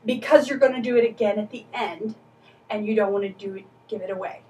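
A woman's voice: mid-range voice, quick pace, darkish tone, a little hiss or hum. A woman voice teacher coaching a singer, encouraging and precise in her corrections. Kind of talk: voice lesson coaching. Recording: distant mic with piano.

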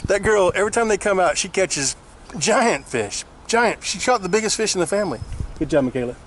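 A man guiding clients on a small boat in a canal gives excited on-the-water coaching, enthusiastically cheering and repeating his praise. His voice is high and fairly quick, picked up by a boat-mounted action camera amid outdoor wind and water noise.

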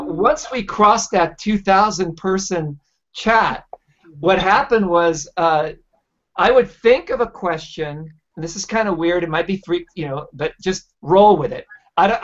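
A man hosting a casual video-call conversation, telling stories in a rambling, enthusiastic way. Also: high voice. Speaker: host. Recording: dull lo-fi video-call audio.

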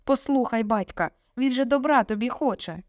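A woman's voice: on the high side, very animated, moderate pace, darkish tone, dry recording, pitched above the performer's own voice. Brief: woman doing an anxious storybook mother, sobbing and pleading, dry close sound. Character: worried middle-aged mother, tearful and pleading.

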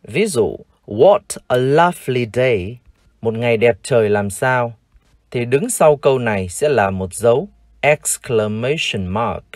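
A Vietnamese man teaching English, who reads each word slowly and repeats it for learners to copy. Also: medium pitch, lively intonation, no room sound, clean studio sound. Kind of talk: vocabulary lesson, slow model pronunciations.

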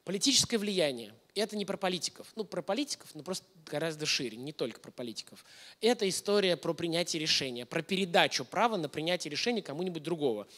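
He talks fast in a somewhat high, expressive, slightly bright voice while teaching a masterclass. The man, likely in his thirties, keeps things informal and asks his listeners lots of questions, standing on stage before a projection screen in an indoor hall.

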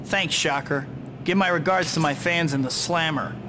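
A man's voice: a little high, moderate pace, background noise, natural voice. A man voicing a young, cocky, wisecracking superhero in a video game. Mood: cocky, taunting. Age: young adult. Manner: wisecracking, teasing. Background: loud game music.

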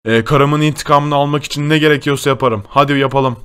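A man's voice: on the high side, steady tone, brisk, fairly bright tone, clear, resonant tone, close to an everyday voice. A man voicing a grieving, vengeful male villager in a Minecraft role-play, talking in a whiny, tearful way. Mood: determined.

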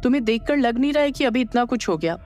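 Irritable young male spirit, sharp and sarcastic, voiced higher by the narrator for an audio drama. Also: lively intonation, fast talker, soft background music, lightly acted. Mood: suspicious. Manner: snappish, sarcastic.

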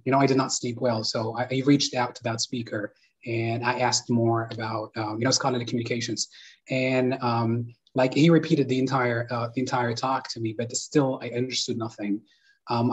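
A man's voice: medium pitch, husky. A young man from Sudan speaking on a conference panel over a video call from his living room, hesitant with many fillers and restarts. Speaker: panelist and moderator. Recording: dull lo-fi video call audio.

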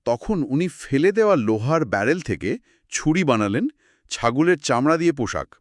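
Man, co-host, scripted history chat, animated pitch, dry close sound. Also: fairly quick, no room sound.

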